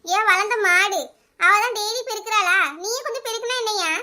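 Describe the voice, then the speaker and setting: A nosy older neighbour, voiced by a woman pokes into the quarrel with teasing questions in Kanyakumari Tamil. Her voice is very high and piercingly bright. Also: brisk, exaggerated voice. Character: nosy elder-sister neighbour woman, meddling.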